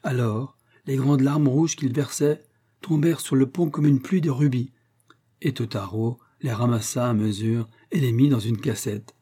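A man narrating a classic tale in a measured, literary storybook reading. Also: mid-range voice, steady tone, dark tone, slightly rough.

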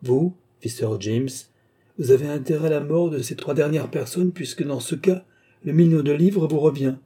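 Brief: stern authoritative detective, read by a man, dark husky voice, audiobook mystery. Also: fairly high pitch, moderate pace, pitched above the performer's own voice. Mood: commanding. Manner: firm, brooks no reply. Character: stern commanding Scotland Yard inspector.

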